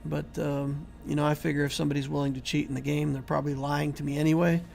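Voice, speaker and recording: A YouTube game channel host runs a casual livestream, reading and replying to viewer chat in a rambling, conversational way. His voice is fairly high, level, fast, and a little mellow, with faint music behind him. He keeps losing his voice and clearing his throat.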